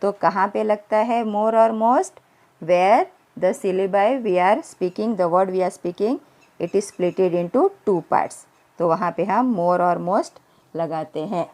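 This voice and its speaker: This recorded grammar lesson comes from a primary school English teacher whose mid-range voice is a little mellow and slow-spoken. She switches between Hindi and English and spells out words letter by letter. Her English is deliberate, and her Hindi explanations move faster.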